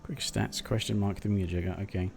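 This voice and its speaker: A man's voice: fairly low pitch, fairly even intonation, quick pace, vocal fry, a little mellow, faint music behind. A man streaming a video game, swearing and ranting in frustration at bugs. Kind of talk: casual gameplay commentary.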